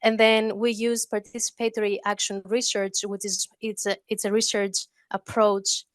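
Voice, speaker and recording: In a conference hall, a Greek-accented woman from Greece talks conversationally into a handheld or lectern mic, dropping in fillers and restarting sentences. She has a mid-range voice with flat delivery at normal speed, and there's no echo.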